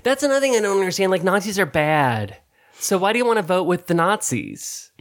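A man co-hosting a podcast in casual chat, animated and profane, laughing often. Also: high voice, brisk. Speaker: podcast co-host.

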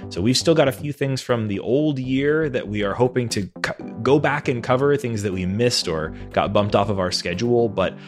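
A man's voice: mid-range voice, moderate pace, few pauses, soft background music. A man hosting a podcast in casual chat, talking loosely with many fillers. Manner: chatty, fills with "uh" and "like". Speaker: podcast host.

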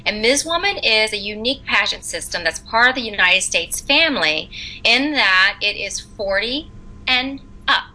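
A woman's voice: mid-range voice, animated, normal speed, bright, forceful tone, poor audio. A middle-aged woman who directs pageants, chatting in an interview and laughing often.

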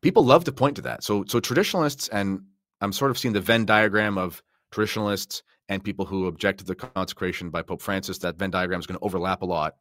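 A podcast guest talks about religion, explaining the material casually and emphatically with slides and notes. His low voice is fast and a bit bright, recorded at studio quality without echo.

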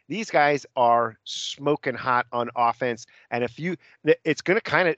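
A man's voice: medium pitch, a bit bright, no room sound. An easygoing man running through football matchups for a sports show. His voice sits in the middle range, recorded dry and a bit dull. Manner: sets up each matchup, easygoing and chuckling. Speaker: sports podcast co-host. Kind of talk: previewing games, casual sports chat.

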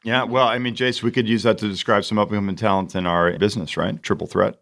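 A man's voice: lowish voice, steady tone, fast, creaky, fairly bright tone. A middle-aged man hosting a podcast, joking and laughing often in casual chat. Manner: jokey, upbeat, laughs often. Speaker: podcast host.

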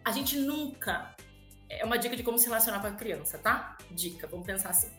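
A Brazilian woman speaks as a parental educator in a casual, animated way. She keeps slipping into short acted-out quotes. Her bright, forward tone rings in a roomy, echoing space. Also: fairly high pitch, brisk, faint music behind. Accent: Brazilian Portuguese. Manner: animated, acts out little quoted scenes. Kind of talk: casual chat.

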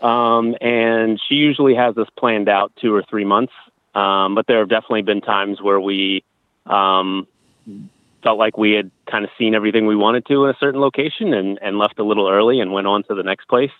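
Male interview guest, thirties, low voice, thin phone audio, conversational and personal. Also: steady tone, fairly quick, no room sound, phone-quality sound. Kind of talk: casual conversational interview, telling personal experiences. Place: outdoors at a campground.

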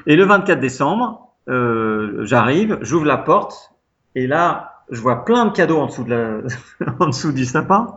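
A man's voice: medium pitch, sing-song, measured pace, a bit bright, dull audio. A man from France telling a long personal anecdote in a casual interview, chatty and full of fillers. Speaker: interview guest, pianist. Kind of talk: casual storytelling.

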